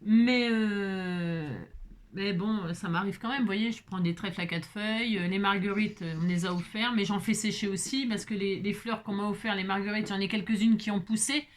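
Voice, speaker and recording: A woman's voice: mid-range voice, steady tone, normal speed. A woman talking casually while making a card, chatty and self-mocking with frequent exclamations. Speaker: crafting vlogger. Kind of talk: chatty crafting tutorial.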